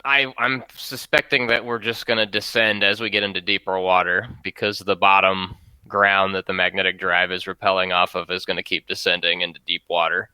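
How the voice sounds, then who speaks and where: A man's voice: low-pitched, level tone, a little fast, sharp tone, clean tone, no echo, rough recording. A man playing a tabletop game, casually and tentatively reasoning aloud about what the group can do.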